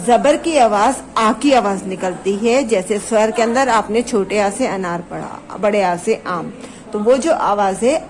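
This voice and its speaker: A woman teaching an online Urdu reading class to children, explaining patiently and drilling syllables slowly. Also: medium pitch, a little hiss or hum, poor audio. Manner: slow drilled syllable recitation.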